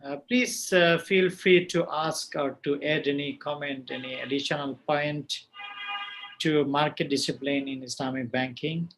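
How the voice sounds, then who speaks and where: Male webinar host, gravelly, halting delivery full of fillers, video-call sound. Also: on the high side, fairly even intonation, a bit bright. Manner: halting, with many filler pauses. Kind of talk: online webinar moderation.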